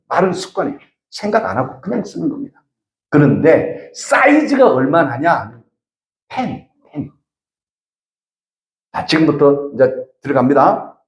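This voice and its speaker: Guy lecturing a room, high voice jumping all over, keeps quizzing the crowd, echoey hall. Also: moderate pace. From Gyeongsang region, South Korea. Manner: animated storytelling, questions the audience directly. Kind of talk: lecture to a live audience.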